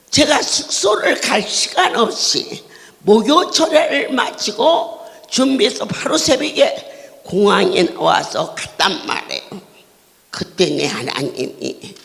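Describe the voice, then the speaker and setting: A male pastor preaches to a large church gathering, his high, gravelly voice climbing and falling widely as he tells his story. He speaks at an unhurried pace and breaks into laughing shouts. Long reverb from the church hall trails behind every phrase. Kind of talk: revival sermon with storytelling.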